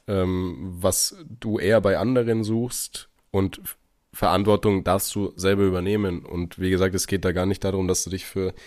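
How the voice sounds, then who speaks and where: A man's voice: sits low, a little mellow, dry recording, clean studio sound. A man hosting a motivational podcast, speaking directly to the listener in an exhorting way. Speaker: podcast host.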